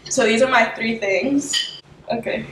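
Giggly high-voiced young woman. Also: measured pace, fairly bright tone, slight background noise. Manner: giggly, playful teasing. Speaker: vlogger. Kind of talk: casual chat. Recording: echoey room, far mic, music behind.

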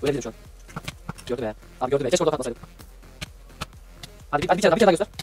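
A young man from Adana giving excitable, slangy live commentary over a video game for his channel's viewers. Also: a little high, very fast, faint music behind. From Adana, Turkey. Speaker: gaming YouTuber.

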